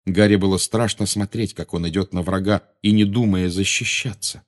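A man narrating an audiobook in a measured, dramatic reading style. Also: low-pitched, fairly even intonation.

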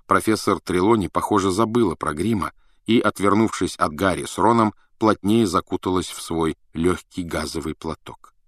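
A man reading a story aloud as an audiobook narrator, in an even, measured storytelling way. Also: low-pitched, no room sound, clean studio sound. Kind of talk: scripted narration.

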